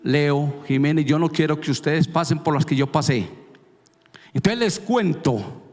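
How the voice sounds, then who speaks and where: A man's voice: a little high, animated, measured pace, darkish tone, faint music behind. A man preaching a sermon in a church, emphatic and conversational, often repeating questions. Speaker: pastor. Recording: long reverb of a church hall.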